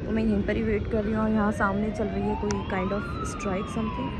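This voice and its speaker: Young woman, from India, truck driver, casual vlog, chatty, phone camera, truck cab and yard, loud engine noise. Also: medium pitch, flat delivery, normal speed. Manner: chatty, mixes English words into Hindi. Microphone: phone camera, held or mounted. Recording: loud outdoor and vehicle noise. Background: loud traffic and engine noise.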